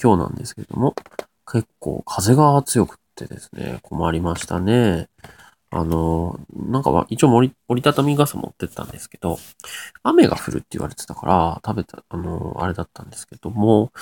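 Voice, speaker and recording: A young man from the Nagoya area hosts a casual solo talk show, speaking in a low voice with a gravelly edge. His pitch swings widely as he chats and tries out dialect phrases. He has a Nagoya accent, and the recording sounds dry and close. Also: darkish tone, dry recording. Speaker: radio-style podcast host.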